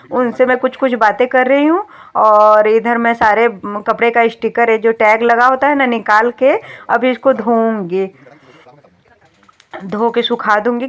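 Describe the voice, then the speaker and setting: A woman in her thirties with a sore throat, chatting casually to viewers as she narrates a home vlog. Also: a little high. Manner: chatty, addresses viewers as friends. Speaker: vlogger.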